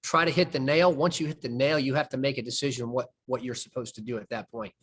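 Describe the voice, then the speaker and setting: A man coaching basketball, talking through game footage in a plain mid-range voice. He explains each play patiently and folksily, often pausing and restarting his sentences. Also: mid-range voice, steady tone, fairly bright tone, husky. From southern United States. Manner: folksy, explains plays step by step, trails off and restarts. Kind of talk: film breakdown conversation.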